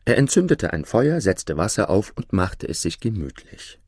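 A man narrating a fairy tale in a lively, expressive reading. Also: low-pitched, moderate pace, slightly rough, no room sound, studio quality. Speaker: storyteller.

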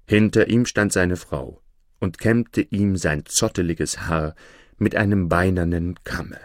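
A man narrating a fairy tale in a lively, expressive reading. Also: low-pitched, slow pace, no echo, studio quality. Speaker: storyteller.

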